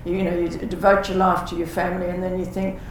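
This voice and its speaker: An older woman who once cared for her husband reflects earnestly on that time in conversation, restarting sentences and quoting dialogue. Her voice is lowish and level, and she talks quickly. She sits far from the mic in an echoey room, with faint noise in the background.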